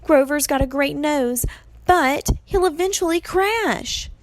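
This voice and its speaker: A woman voicing a clever, bossy young heroine in a storybook, brisk and insistent. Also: high-pitched, dry recording, pitched above the performer's own voice. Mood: brisk, instructing.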